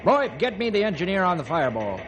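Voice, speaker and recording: Casting: veteran dispatcher chief, high-pitched, brisk and commanding, old radio drama style. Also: male voice, very animated, a bit bright. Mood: commanding, tense. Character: decisive, gruffly joking veteran railroad dispatcher boss.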